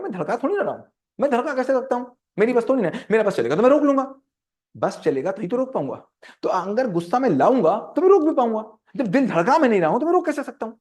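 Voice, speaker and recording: Man, teaching speaker: high, very animated pitch; peppers the talk with rhetorical questions and acts out scenes. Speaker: speaker on managing anger.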